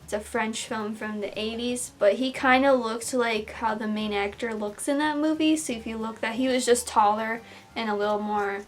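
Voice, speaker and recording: A woman's voice: fairly high pitch, fairly even intonation, moderate pace. A young adult woman with a sore throat, casually recounting dreams in a loose, self-interrupting way as a vlogger. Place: small room at home, indoors.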